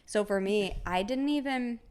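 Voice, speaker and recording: A woman's voice: medium pitch, a little slow, a little mellow, clear, resonant tone. Hesitant woman podcast co-host, thirty. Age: 30s. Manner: hesitant, searching for words. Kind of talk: casual chat.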